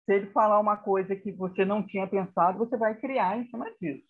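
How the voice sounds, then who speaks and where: A woman's voice: medium pitch, quick pace, breathy edge. A woman facilitator giving directive instructions in a theatre workshop over a video call. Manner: directive, checks in with "tá?" and "ok". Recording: muffled video call audio.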